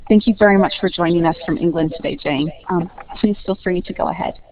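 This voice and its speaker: Quick moderator heard over a phone line. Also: mid-range voice. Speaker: webinar moderator. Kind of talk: brief host introduction. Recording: tinny phone-line sound.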